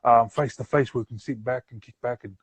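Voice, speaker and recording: Male podcast host, broad Kiwi accent, medium-low pitch, dry close sound, loose slangy chat full of "bro". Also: fairly even intonation, fairly quick, husky, dry recording. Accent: broad New Zealand. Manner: slangy, affirming, often says bro. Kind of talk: casual interview chat. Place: remote live-stream call.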